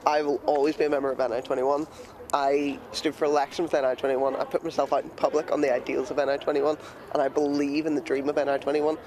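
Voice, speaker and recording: Northern Irish male interviewee, local politician, higher register, earnest delivery. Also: little pitch movement, fast talker, darkish tone. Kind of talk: news interview answers.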